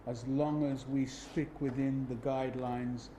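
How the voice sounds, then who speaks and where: A man's voice: medium pitch, level tone, measured pace, dark tone. A man speaking as a guest in a policy discussion, recorded in an echoey room with some ambient noise. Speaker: panel guest.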